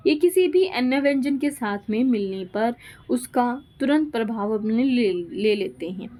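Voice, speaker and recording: A woman's voice: fairly high pitch, expressive, a little slow, dark tone. A woman giving a Hindi grammar lesson, explaining rules step by step and repeating each example aloud. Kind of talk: classroom lecture.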